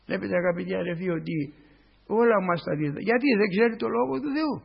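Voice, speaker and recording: An older male priest preaching a sermon with a raspy voice, punctuating it with repeated doxologies. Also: sits high, expressive. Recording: dull lo-fi recording with long reverb.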